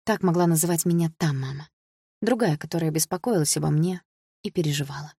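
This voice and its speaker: A woman reading a first-person audiobook narration in an even, subdued manner. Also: low voice, fairly quick, slightly rough, dry recording, clean studio sound. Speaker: audiobook reader.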